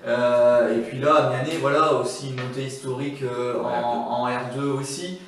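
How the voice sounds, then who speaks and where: A man's voice: medium pitch, steady tone, moderate pace. Male guest, loose rambling answers, heard distant in an echoey space. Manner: rambling, repeats words. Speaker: guest former footballer. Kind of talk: casual interview answers.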